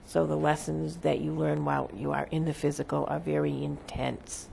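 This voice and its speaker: A seance medium delivers a solemn spiritual message as a channeled spirit, speaking in a creaky, mid-range voice with halting, deliberate, formal phrasing. The delivery is expressive and a little mellow. The low-quality recording carries a little hiss or hum.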